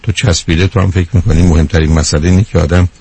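Gravelly low-voiced male advice host. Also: fairly even intonation, darkish tone. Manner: lecturing, frequent rhetorical questions; blunt, calls the caller "dear". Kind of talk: call-in counseling.

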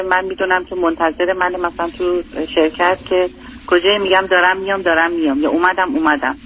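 A woman's voice: fairly low pitch, fairly bright tone. A woman calls in to a radio advice show over the phone. She explains at length in an anxious way and often answers "yes". A faint hiss of the phone line sits under her voice. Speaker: caller.

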